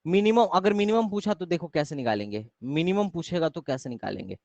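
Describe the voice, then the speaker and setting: A man's voice: fairly high pitch, lively intonation, brisk, vocal fry, darkish tone, no echo, dull audio. A young man teaching math in a live online class, often quizzing his students and repeating his questions. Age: young adult.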